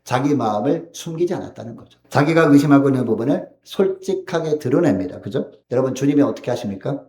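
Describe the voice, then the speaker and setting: 울림 있는 교회에서 설교하는 남자 목사. This pastor's mid-range voice is a little mellow, quick, and lively in intonation as he delivers an earnest sermon in the sanctuary. He puts rhetorical questions to the congregation, and the hall echoes around him.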